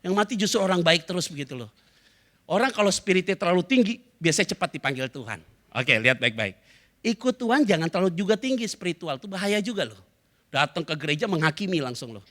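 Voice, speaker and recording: A male pastor preaches to his congregation with a high, bright voice. He keeps it chatty and humorous, slipping into little acted exchanges. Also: big pitch swings, fast talker. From Indonesia. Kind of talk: sermon. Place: church hall.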